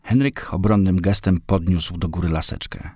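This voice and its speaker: A man narrating a novel in a measured storytelling manner. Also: sits low, steady tone, darkish tone, no echo, studio quality.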